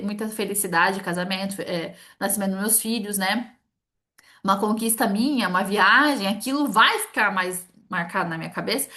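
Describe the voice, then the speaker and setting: A middle-aged woman from Brazil, a therapist explaining in a chatty, animated way and acting out little dialogues. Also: medium pitch. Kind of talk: casual explanatory talk to camera.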